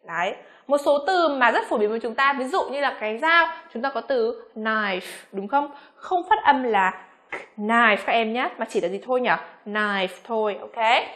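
Woman, pronunciation teacher, bright slightly high voice, quizzes the class and models each word slowly. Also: animated. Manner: addresses learners as "các em", frequent rhetorical questions; slows down to model English words slowly. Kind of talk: classroom-style pronunciation lesson.

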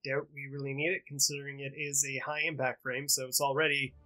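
A man's voice: medium pitch, flat delivery, fast talker, pushed and bright, faint music behind. A young man with a stuffy nose giving casual, joking commentary while playing a game. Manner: chatty, joking, talks to the game. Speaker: gaming YouTuber.

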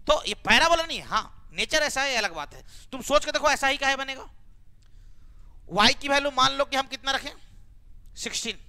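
Man, classroom maths teacher, high voice, clear and resonant, keeps prodding students to speak up. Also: sharp tone. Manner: coaxing, repeatedly urging students to answer; rhetorical questions and homely examples.

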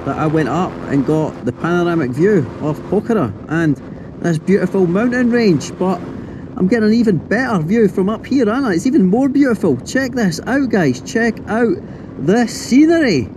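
A man's voice: high-pitched, lively intonation, moderate pace. A Scottish man vlogging enthusiastically from a helicopter, talking straight to his viewers. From Scotland. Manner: enthusiastic, addresses viewers directly. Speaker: travel vlogger. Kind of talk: casual vlog narration. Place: helicopter over a lake, then outdoors at an airstrip. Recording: loud engine and outdoor noise.

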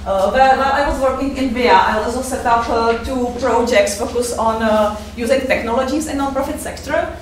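A Czech woman in her thirties, a fundraiser, gives a conference presentation in halting non-native English, hesitant and full of fillers, her voice on the high side. A distant camera mic catches her in an echoey seminar room, with a little hiss or hum.

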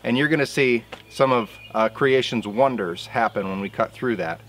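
A man's voice: medium pitch, moderate pace, fairly bright tone, slight background noise. A man in his thirties, a sawmill operator, casually explaining his work in an outdoor how-to vlog, recorded on a camera mic in a field. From southern Indiana.

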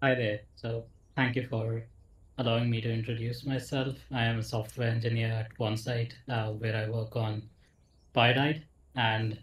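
A man from India, a software engineer making a polite, measured announcement on a video call. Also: mid-range voice, flat delivery. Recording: echoey room, distant mic.

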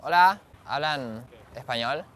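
A man's voice: medium pitch, animated, slow, crowd noise. A young man with an Argentine accent, teasing strangers with brash, cheeky banter outdoors in a park as a street prankster. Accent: Argentine Spanish.

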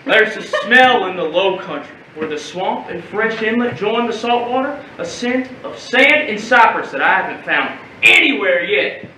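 A man's voice: high-pitched, moderate pace, few pauses, slight background noise. A young actor on stage playing a genial, coaxing uncle who teaches a boy to fish, in a live monologue. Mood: wistful. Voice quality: folksy, coaxing, animated. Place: theater stage. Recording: very echoey theater from far off.

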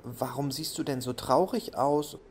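A man voicing a small, shy and sad little cloud that talks softly and sobs, in a children's bedtime audio play. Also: medium pitch, fairly even intonation, a little slow, a little hiss or hum, natural voice. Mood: gentle. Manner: soft, sighing and sobbing.

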